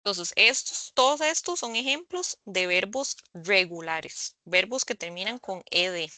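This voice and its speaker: A woman tutoring English over a video call, explaining slowly and patiently, often checking in with the students. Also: mid-range voice, animated, sharp tone, no echo. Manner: slow, patient explaining with frequent "¿verdad?". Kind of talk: online tutoring session. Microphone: computer mic on a video call.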